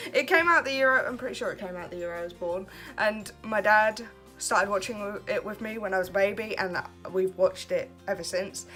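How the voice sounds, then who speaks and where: Young woman, twenties, bright tone, casual self-deprecating chat, faint background music. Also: medium pitch, moderate pace. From Kent, England. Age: 20s. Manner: chatty, self-deprecating, laughs often. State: relaxed late at night. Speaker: vlogger. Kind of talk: casual get-to-know-me chat.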